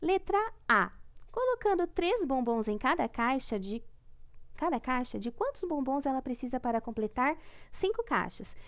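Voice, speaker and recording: Very animated and high-pitched, a young Brazilian Portuguese-accented primary teacher reviews homework at a moderate pace in a recorded class. She stays patient, lengthens her syllables, and often tags her phrases with "tá?".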